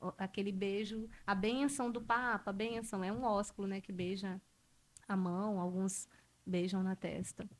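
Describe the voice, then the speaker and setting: A woman from Brazil, a Portuguese teacher, chatting as a podcast guest in an animated way, with frequent tag questions. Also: medium pitch, moderate pace. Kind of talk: casual podcast conversation.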